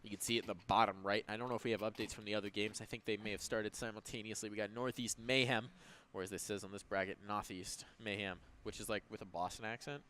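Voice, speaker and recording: A man doing live play-by-play commentary on an esports match, energetic and jokey. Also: fairly low pitch, quick pace, few pauses, a little hiss or hum. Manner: energetic, jokey, hypes up big plays. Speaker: esports caster.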